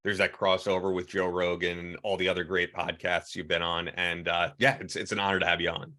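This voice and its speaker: A male podcast host with a low voice and a bright, forceful edge. He introduces guests and reads sponsor lines with eager, meandering enthusiasm and lots of filler words, speaking into a studio mic. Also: level tone, a little fast. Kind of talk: podcast interview.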